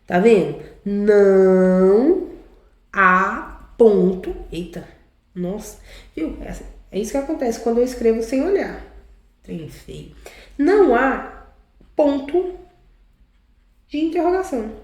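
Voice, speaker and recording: A woman teacher explains a lesson patiently, piece by piece, often ending sentences with a quick check on her students. Her voice sits a bit high but sounds mellow. The room around her is noticeably echoey. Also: expressive. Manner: explains slowly, often tags sentences with a question. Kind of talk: online class lesson.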